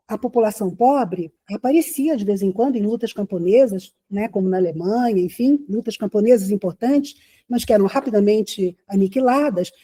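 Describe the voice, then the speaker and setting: A woman from Rio de Janeiro, Brazil, delivers a conversational lecture to an audience, often checking in with rhetorical questions. Her voice is fairly high yet very dark and mellow, with a husky edge.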